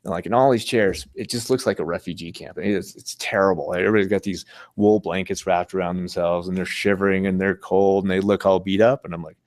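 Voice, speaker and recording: A man's voice: low voice, steady tone, fairly quick, a little mellow, no echo. A man giving a casual, rambling talk with slides, easygoing and chuckling often. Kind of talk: casual storytelling presentation with slides.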